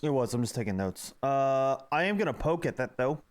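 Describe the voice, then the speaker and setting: A relaxed man runs a casual role-play job interview in an easygoing manner. His voice sits at an ordinary middle pitch. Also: fairly quick. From America. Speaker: police interviewer.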